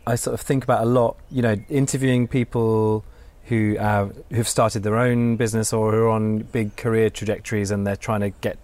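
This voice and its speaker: A man's voice: on the low side, little pitch movement, normal speed, hardly any pauses, a little mellow, dry recording. A man hosting a podcast interview, asking meandering, tentative questions in a casual chatty way.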